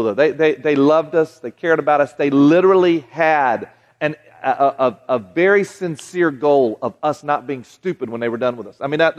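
Preaching to a live audience in a large hall, a Southern American man in his forties speaks with a fairly high pitch and a regional accent. The sermon is folksy and conversational, full of restarts and asides to the crowd.

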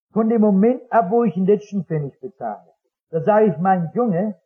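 A man preaching as a pastor before a congregation, telling stories fervently and acting out their dialogue. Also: high voice. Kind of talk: sermon. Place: church or hall before a congregation. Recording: dull lo-fi old recording.

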